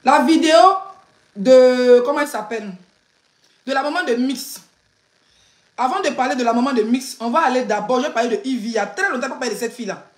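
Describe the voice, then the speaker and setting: Woman influencer, high chatty voice, teasing live-stream rant in a roomy space. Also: brisk. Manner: chatty, laughing, teasing and ranting. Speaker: blogger and influencer. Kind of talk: casual live stream chat. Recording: roomy echo.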